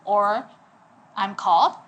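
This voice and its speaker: A woman's voice: medium pitch, takes it slowly, fairly bright tone, muffled recording. A young woman teaching a language lesson, chatty and lighthearted, with a light laugh in her talk. A faint hiss of noise sits under her voice. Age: 20s. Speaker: Cantonese teacher.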